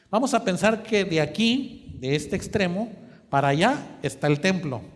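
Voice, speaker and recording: A man preaching a sermon, asking the congregation to finish his sentences, moving between quiet and emphatic. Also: high-pitched. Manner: asks the congregation questions for them to fill in. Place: church hall. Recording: long church hall reverb.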